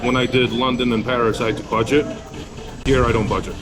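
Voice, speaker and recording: A man's voice: medium pitch, steady tone, fast, crowd noise. A man from Poland answering street-interview questions, giving blunt and candid opinions about travel and dating. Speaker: interviewee, business owner.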